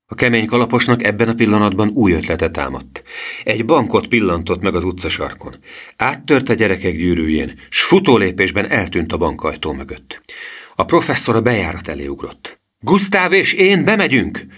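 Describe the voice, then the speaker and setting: A man narrating a children's storybook in an expressive reading style. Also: sits low. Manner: expressive reading with lively voice swings. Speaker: audiobook narrator.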